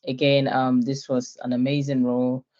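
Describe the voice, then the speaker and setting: A woman's voice: extremely low pitch, little pitch movement, moderate pace, darkish tone, muffled recording. A young woman from Ghana, a guest in an online interview, introducing herself in a friendly way with many filler sounds and easy laughter.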